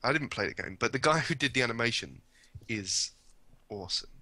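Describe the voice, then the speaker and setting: Guy with a bright sharp voice, rambling and hesitant on a podcast, dry sound. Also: mid-range voice, lively intonation, fairly quick, dry recording. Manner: rambling, hesitant, easily amused. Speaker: podcast co-host. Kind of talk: casual chat.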